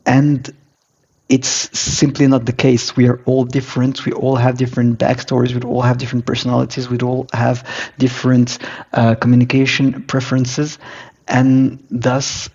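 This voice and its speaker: A man's voice: medium pitch, darkish tone. Hesitant man from Morocco, dull audio. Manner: hesitant, many filler pauses. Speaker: podcast guest, coach. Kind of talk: casual interview talk.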